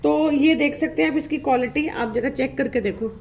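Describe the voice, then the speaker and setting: This woman speaks briskly in a high voice with vocal fry and a darkish tone, and the room is reverberant. She's casually vlogging to camera, showing items and complaining about their poor quality in a chatty way full of fillers.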